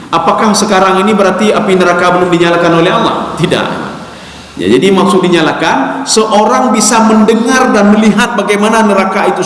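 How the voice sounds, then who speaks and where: Lively preacher echoing in a mosque hall. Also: male voice, sits high. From Indonesia. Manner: lively, rising questions, chanted Arabic recitation. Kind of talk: mosque sermon lecture.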